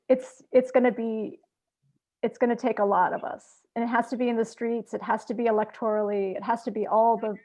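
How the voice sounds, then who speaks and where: A woman's voice: mid-range voice, warm tone. A woman speaking steadily in a casual discussion, stringing points together with fillers. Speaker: participant in an activist forum. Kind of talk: casual discussion on a video call. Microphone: video call. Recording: dull lo-fi video call audio.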